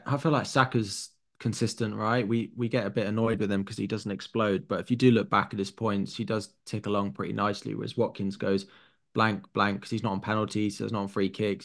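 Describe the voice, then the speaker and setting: Low-voiced British man thinking aloud. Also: level tone, fairly quick. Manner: thinks aloud at length, weighing options. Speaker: guest pundit. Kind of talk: casual podcast analysis.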